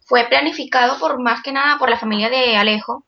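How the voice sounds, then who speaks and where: A young woman from Venezuela, a guest illustrator in a casual interview, chatty and quick-talking. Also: high voice, creaky, dull audio, crowd noise.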